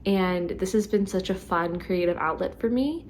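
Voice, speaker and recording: A woman vlogging about her knitting in a chatty way, full of ums and likes, a little hoarse as she is losing her voice. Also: lowish voice, normal speed, darkish tone, a little hiss or hum. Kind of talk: casual chat to camera.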